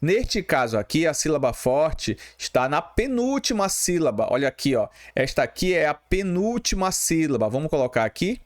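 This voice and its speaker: A man's voice: on the high side, sing-song, normal speed, few pauses. A man with a Brazilian Portuguese accent teaching grammar for public exams, who explains patiently, repeats key terms and often checks in with "tá bom?". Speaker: exam prep teacher.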